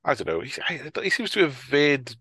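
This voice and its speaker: A man's voice: mid-range voice, very animated, moderate pace, sharp tone, slightly rough, no echo. A man, co-hosting a casual film discussion, who rambles, swears freely and often leaves sentences unfinished. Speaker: podcast co-host.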